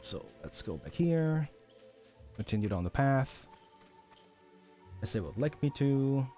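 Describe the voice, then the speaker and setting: A man casually commenting on his game while streaming, thinking aloud in a relaxed way. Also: medium pitch, slow pace, faint music behind. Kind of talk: casual let's-play commentary.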